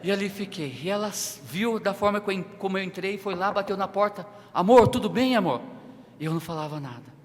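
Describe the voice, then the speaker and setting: High-voiced Brazilian preacher, emotional sermon. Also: male voice, quick pace, few pauses. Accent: Brazilian Portuguese. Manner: emotional, dramatic swings between loud and hushed. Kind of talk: sermon testimony. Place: church sanctuary. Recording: reverberant church hall.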